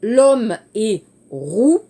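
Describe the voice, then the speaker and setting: A teacher walks her class through exercise answers at an unhurried pace. Her voice sits high and moves a lot, rising and falling as she spells out endings and explains each adjective in simple terms. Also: very animated, warm tone. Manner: slow, spelling out words and switching into Korean glosses. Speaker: French teacher. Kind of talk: online language lesson, correcting exercises.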